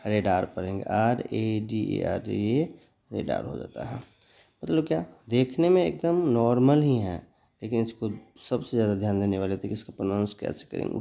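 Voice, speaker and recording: A man's voice: lowish voice, vocal fry, a little mellow. Man teaching pronunciation. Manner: spells words letter by letter, slow and deliberate; mixes Hindi with English. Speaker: English teacher. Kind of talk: spoken English pronunciation lesson.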